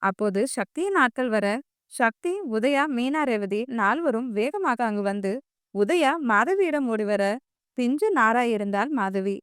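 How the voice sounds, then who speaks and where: Higher-pitched woman narrating an audio novel. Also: animated, unhurried, smooth, no echo, clean studio sound.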